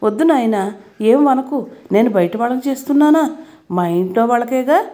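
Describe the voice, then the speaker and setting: Woman reading a gentle, patient old mother in a spoken story, soothing and warm-toned. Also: fairly high pitch, lively intonation, normal speed, pitched above the performer's own voice, lightly acted. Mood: pleading. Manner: soothing, fond pleading. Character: patient, tender elderly mother.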